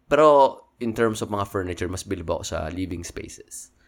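A man chatting casually as a podcast co-host, laid-back and slangy, getting animated when excited. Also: low voice, normal speed. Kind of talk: casual chat.

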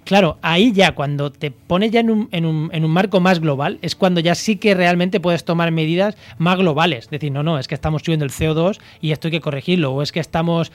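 A man's voice: a little high, a little fast, few pauses, dry recording. Man from La Mancha explaining ecology. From Castilla-La Mancha, Spain. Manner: thoughtful, hesitant with fillers and restarts. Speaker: ecology expert guest. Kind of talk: radio interview, explaining.

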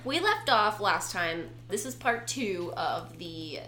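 A woman's voice: mid-range voice, lively intonation, takes it slowly, sharp tone. Young woman telling true crime, roomy echo. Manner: conversational, slangy asides. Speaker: podcast co-host and storyteller. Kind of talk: casual true-crime storytelling. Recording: roomy echo, faint background noise.

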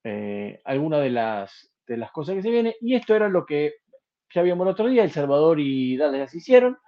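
A man, a talk host who reels off football scores in a loose, chatty way, full of "eh" fillers. His voice sits a little high for a man. The audio is dull and lo-fi, as if the mic were muffled. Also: big pitch swings, fairly quick. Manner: chatty, rattling off match results with fillers. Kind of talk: casual sports talk.

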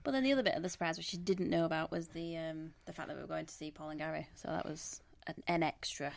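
A woman's voice: low voice, quick pace, gravelly. A woman, co-hosting a podcast in casual chat, dry and teasing in a matter-of-fact way. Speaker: podcast co-host.

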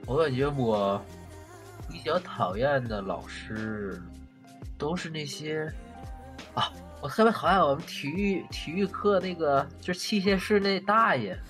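A man in his late twenties co-hosting a casual podcast, chatting with quick, somewhat incredulous reactions. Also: a little high, animated, fairly bright tone, faint music behind. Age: late 20s. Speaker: podcast co-host. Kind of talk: casual chat.

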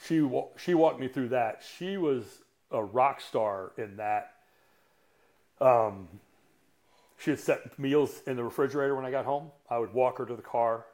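Casting: man in his sixties, coach and podcast guest, blunt cussing storyteller, halting with fillers. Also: medium pitch, darkish tone. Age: 60s. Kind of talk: casual storytelling.

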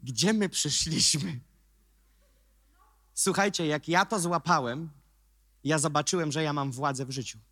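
A male pastor giving an emphatic sermon, dropping to quiet asides and rising to loud, repeated questions. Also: fairly high pitch, a little slow, pauses often, dry recording, clean studio sound. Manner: mocking put-on voices of churchgoers.

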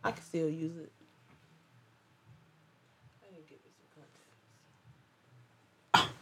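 A woman's voice: low voice, fairly even intonation, takes it slowly, sharp tone, slight background noise. A woman co-hosting a podcast in casual chat, playful and egging her friends on. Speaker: podcast co-host. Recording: friends chattering around.

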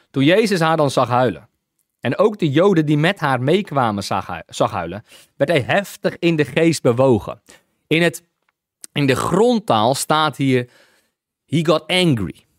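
Man preacher, emphatic and repetitive, slightly high voice, dry close sound. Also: dry recording. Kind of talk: sermon, Bible teaching.

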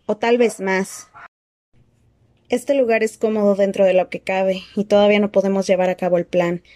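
A cold, frail dark lord who hisses his threats slowly and softly, as a woman puts him on. His tone sits dark and mellow, recorded close and dry with no room around it, in a storybook reading. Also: mid-range voice, fairly even intonation, dry recording, close to an everyday voice. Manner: slow hissing soft threats. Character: cold menacing weak dark-lord man.

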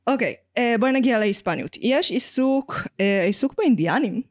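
A woman with an Israeli accent co-hosts a casual pop-culture podcast, opinionated and jokey, sprinkling in English phrases. Her voice is on the high side and expressive, with clean studio sound and no room sound.

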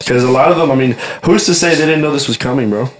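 A man's voice: mid-range voice, fast, slight background noise. A young man chatting casually in a slangy frat-bro way, peppering his talk with "bro" and "dude". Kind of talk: casual group chat about rap.

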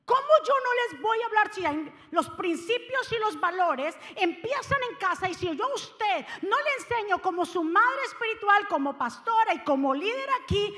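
High-voiced woman pastor preaching with passion. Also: long reverb tail. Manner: impassioned preaching, swinging between loud exhortation and quiet asides. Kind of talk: sermon. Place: church sanctuary.

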